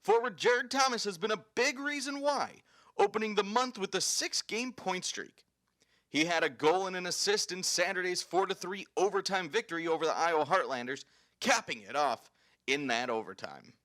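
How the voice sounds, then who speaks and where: Bright, forceful male sports highlight host. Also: moderate pace. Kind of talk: scripted sports highlight narration.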